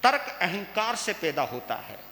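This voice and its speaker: Male monk, sermon, high bright voice, slow deliberate delivery, repeats lines and quizzes the audience; reverberant hall recording with faint hiss. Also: sing-song, creaky. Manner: slow, emphatic, repeats phrases and asks the listeners questions. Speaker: Jain monk preaching.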